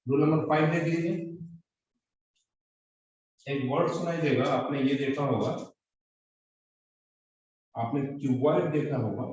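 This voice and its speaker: A male maths teacher lectures his class in an unhurried way, pausing often, repeating key terms and checking whether students follow. His voice is a little high with a darkish tone, and the classroom recording is distant, echoey and muffled.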